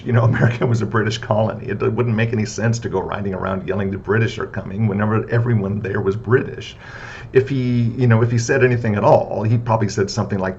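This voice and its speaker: A man lecturing on philosophy in a casual, conversational way, often checking in with "right?" and filling pauses with "uh". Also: creaky, a little mellow. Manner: conversational, frequent "right?" and "uh" fillers; repetitive list-like debunking of myths. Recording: slightly dull lo-fi audio with faint rumble.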